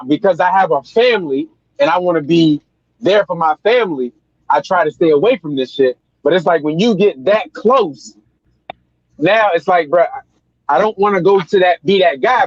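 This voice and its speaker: A man's voice: on the high side, no echo, muffled recording. A man co-hosting a podcast over a call, talking in laid-back slang and often agreeing. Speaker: podcast co-host. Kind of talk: casual podcast discussion. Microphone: remote call.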